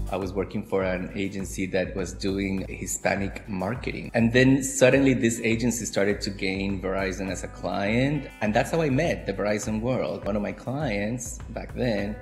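A man in his forties from Ecuador, with an Ecuadorian Spanish accent, talking in a relaxed, reflective way in an interview to camera at home, often restarting his phrases. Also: on the low side. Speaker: marketing director. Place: home room by a window. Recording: guitar music underneath.

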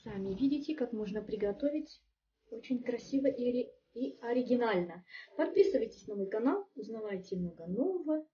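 Her fairly high voice is animated and a little fast. A woman at a kitchen table walks through a home recipe step by step, homely and chatty with constant little fillers, in a distant, muffled recording that has some hiss or hum and faint music behind.

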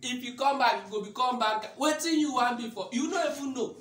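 A man playing a quick-tempered older Nigerian father who scolds in Nigerian Pidgin, in a comedy skit. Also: very high-pitched. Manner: scolding, exclaiming. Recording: echoey room, mic far off, faint noise.

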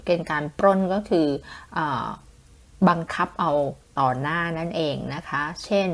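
A woman with a Thai accent, explaining English vocabulary in Thai as a podcast host, in a slow, patient way with frequent polite particles and spelled-out words. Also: deep voice.

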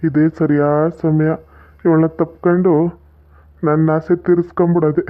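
An actor with a North Karnataka Kannada accent playing a pushy, lecherous middle-aged village moneylender with a coaxing drawl. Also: male voice, fairly high pitch, level tone, moderate pace, lightly acted. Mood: leering. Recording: tinny phone-like audio.

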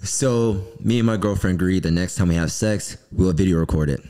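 A man's voice: low voice, fairly quick, mellow, clean tone. A young man telling dirty jokes in casual banter, with a leering, smutty manner. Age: young adult. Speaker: joke teller. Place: small indoor podcast studio. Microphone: desk microphone on stand.

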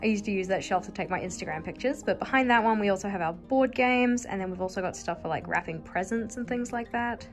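A young adult vlogger from New Zealand speaks quickly, hardly pausing, in a mid-range voice as she tours her house room to room. Her chatty commentary comes with wry asides, soft background music plays, and she films on a phone at arm's length.

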